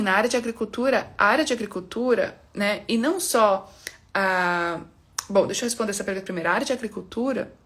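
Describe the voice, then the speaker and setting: A woman answers viewers' questions on a live stream about immigration. She explains things patiently and reassuringly, checking in with little tag questions, and her voice sits at a middling pitch. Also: a bit bright. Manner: explanatory, reassuring, frequent "né?" and "tá?" tags. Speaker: immigration consultant.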